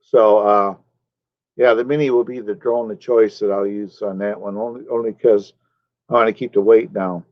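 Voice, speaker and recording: A man's voice: on the low side, steady tone, moderate pace, dry recording, muffled recording. A man hosting a casual live stream, rambling and talking to his chat viewers by name.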